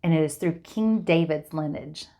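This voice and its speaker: A woman's voice: sits low, normal speed, warm tone. A woman retelling a Bible story in a casual, conversational way, often starting with "well".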